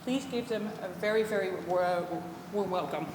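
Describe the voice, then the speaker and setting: Event emcee introducing contestants; upbeat, mid-pitched, booming hall. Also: female voice, normal speed, heavy background noise. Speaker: event host. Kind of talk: stage hosting. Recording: echoey hall with loud ambience.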